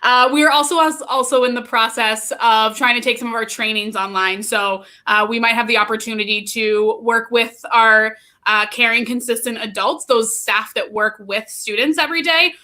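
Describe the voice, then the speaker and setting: An upbeat, enthusiastic American woman in her thirties from Pennsylvania appears as an interview guest, explaining her work as a training manager at a youth play nonprofit. Her voice is fairly high, steady and bright, with a forceful tone at a moderate pace.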